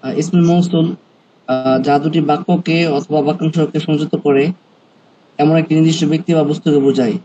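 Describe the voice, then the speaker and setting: Mellow-voiced man reciting with fillers. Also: on the high side, little pitch movement, normal speed, highs cut off, faint music behind. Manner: recites the answer loudly with hesitant fillers. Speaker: student.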